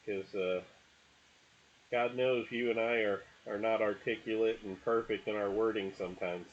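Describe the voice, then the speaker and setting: Husky man chatting on a podcast. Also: lowish voice, moderate pace, lo-fi sound. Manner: listing, relaxed storytelling. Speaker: podcast co-host. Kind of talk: casual chat.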